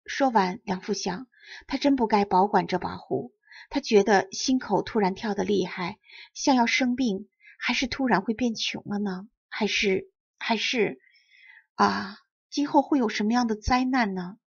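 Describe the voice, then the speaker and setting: A woman narrates a fairy-tale audiobook in a clear, measured reading voice. Her voice is husky, at a middling pitch, and the recording sounds dull and lo-fi. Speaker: storyteller.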